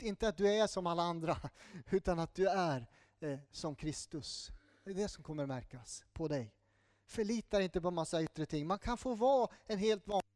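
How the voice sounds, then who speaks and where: High-voiced male pastor preaching. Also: no echo, clean studio sound. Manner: lively, with self-interrupting asides and apologies. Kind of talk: sermon.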